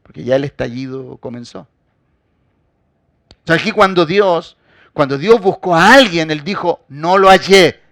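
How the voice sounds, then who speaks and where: Impassioned male pastor with a higher voice. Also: lively intonation, moderate pace, long pauses, no echo, clean studio sound. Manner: preaching with big swings between loud emphasis and quiet asides; addresses the congregation directly as beloved. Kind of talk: sermon.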